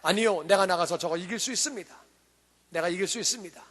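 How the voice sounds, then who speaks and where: A man's voice: sits high, fast, bright, forceful tone. Brave young shepherd boy, earnest and insistent, as a preacher puts him on; echoing hall.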